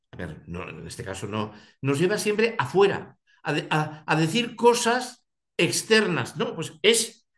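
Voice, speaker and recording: A man's voice: a little high, a bit bright. A man leading a philosophy seminar, thinking aloud with many restarts and rhetorical questions. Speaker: seminar leader. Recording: echoey room.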